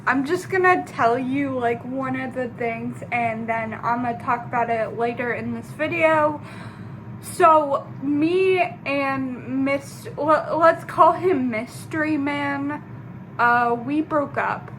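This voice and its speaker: A young woman vlogging casually, rambling in a halting way with many fillers and restarts. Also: high voice, a bit bright, slight background noise. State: sleepy, just woke up. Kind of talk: casual personal vlog.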